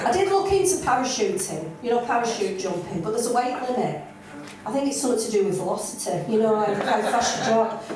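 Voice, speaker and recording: An older stand-up comedian from North West England works a comedy club room with blunt, self-mocking humour in a broad Lancashire accent. Her slightly high voice carries from a distance. The club is very echoey, with a steady murmur of audience noise underneath.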